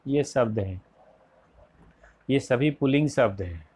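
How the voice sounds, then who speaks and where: A male school teacher giving a recorded lesson, pronouncing each word slowly and repeating it clearly for children. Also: mid-range voice, expressive, a little mellow, no room sound. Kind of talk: slow recorded classroom lesson.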